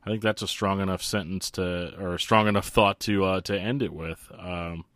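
Guy hosting a podcast, lowish bright voice, casual and into his music. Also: fairly even intonation, moderate pace, no room sound, studio quality. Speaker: podcast host and interviewer. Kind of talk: casual chat.

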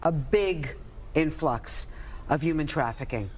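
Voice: mid-range voice, lively intonation, takes it slowly, darkish tone, a little hiss or hum. An interviewer asking questions in a television interview, with some hesitation.

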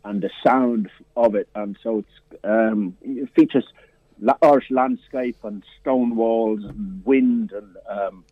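A festival programmer with a lowish voice takes his time talking about films in a radio interview, recorded dry. His speech stops and restarts often and is thick with fillers, all heard through a tinny, dry phone line.

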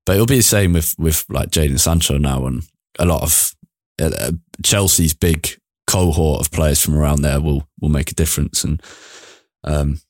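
A man co-hosting a casual football podcast, with an extremely deep, low voice. He muses aloud and hedges, listing things as he thinks, and the recording is dry and close with no room sound. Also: moderate pace, a little mellow, no room sound. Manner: musing, hedging, lists names while thinking aloud. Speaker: podcast co-host. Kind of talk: casual football podcast chat, reading listener questions.

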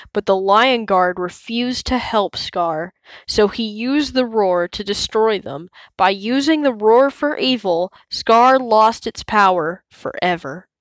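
A woman reading the part of a wise, calm male lion king and father, softly and steadily. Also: on the high side, a little slow, dry recording, lightly acted. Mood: solemn.

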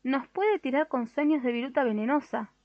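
A woman's voice: sits high, animated, moderate pace, no echo, highs cut off. A woman voicing a timid, flustered male firefighter in a storybook, who speaks in fussy rhymes. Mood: placating. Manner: rhyming, fussy and easily scared.

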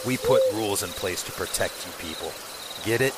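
Man playing a low-voiced, hard-boiled beat cop. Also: a little fast, crowd noise, close to an everyday voice. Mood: weary. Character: gruff, weary, wisecracking middle-aged male police commander. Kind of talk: audio drama acting. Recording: noisy night ambience with chirping crickets.

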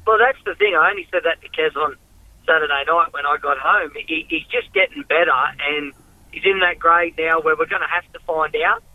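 A fairly high-voiced Australian man speaks over a dry, narrow phone line. He is a racing driver giving a casual interview, with the laid-back, matey talk of a working bloke. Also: normal speed, dry recording. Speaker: harness racing driver and guest.

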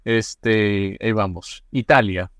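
A man hosting a casual podcast interview, asking quick questions in a relaxed way with many fillers. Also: lowish voice, clean tone, no room sound, clean studio sound. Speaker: podcast host.

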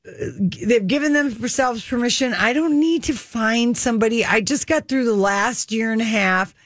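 A woman's voice: on the high side, moderate pace, dry recording, clean studio sound. A middle-aged woman chatting casually as a talk show host, giving relationship advice in a candid, bawdy, joking way.

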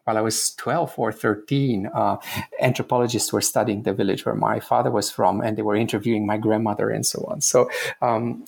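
Gravelly, husky-voiced man from Romania. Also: lowish voice, fairly even intonation, brisk, a little mellow. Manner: hesitant, many fillers and restarts. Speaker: anthropology professor, guest author. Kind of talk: podcast interview.

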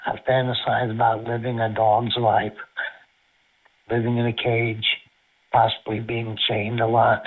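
A man in his fifties leaving a voicemail over a landline phone, speaking in a slow, deliberate way. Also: mid-range voice, monotone. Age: 50s. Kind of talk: voicemail message. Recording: narrow tinny phone line.

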